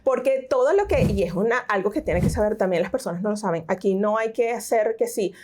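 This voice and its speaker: A woman's voice: medium pitch, fairly quick, background noise. A middle-aged woman, a teacher and interview guest, explaining things step by step with fillers and English school terms mixed in. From Venezuela. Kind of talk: interview conversation.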